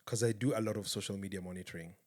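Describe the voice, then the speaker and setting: A man's voice: lowish voice, rapid-fire. A Kenyan man co-hosting a casual political talk show, asking questions and mixing in Swahili. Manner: expressive, questioning, mixes in Swahili. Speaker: podcast co-host.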